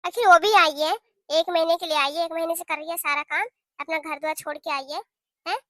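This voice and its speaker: A woman's voice: very high voice, steady tone, a little fast, a bit bright, no echo, studio quality. A woman voicing a stern older mother-in-law in a cartoon, who lectures and scolds her daughter-in-law. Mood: scolding. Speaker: cartoon voice actor. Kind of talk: cartoon voice acting.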